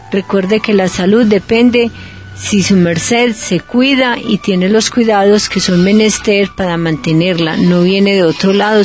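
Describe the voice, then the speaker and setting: A woman hosting a radio segment, teaching words in a didactic, formal way. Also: mid-range voice. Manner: didactic, repeats words slowly, formal address. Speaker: radio host. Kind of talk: instructive radio talk on correct pronunciation.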